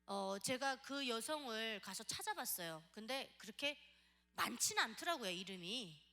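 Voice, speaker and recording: Bright, lively North Korean woman testifying. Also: fairly high pitch, normal speed. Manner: animated storytelling, acting out quotes. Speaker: guest speaker giving testimony. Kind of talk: church testimony.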